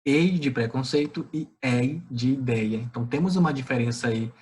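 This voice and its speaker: A man's voice: medium pitch, normal speed, darkish tone. A man with a Brazilian Portuguese accent teaching a class, asking questions and then answering them himself. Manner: didactic, asks and answers his own questions. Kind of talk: online class explanation.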